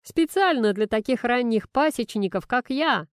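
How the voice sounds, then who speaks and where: Breezy teasing buddy read by a woman, bright and lively, dry close audiobook sound. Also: on the high side, moderate pace, clear, resonant tone, dry recording, voice pushed up, natural voice. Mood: upbeat. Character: cheerful joking adult male friend. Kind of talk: audiobook reading.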